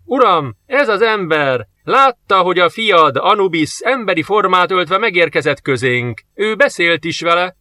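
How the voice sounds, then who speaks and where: A man voicing a gruff, scornful male soldier who speaks in a drawn-out, mocking way. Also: fairly high pitch, lively intonation, sharp tone. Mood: insistent.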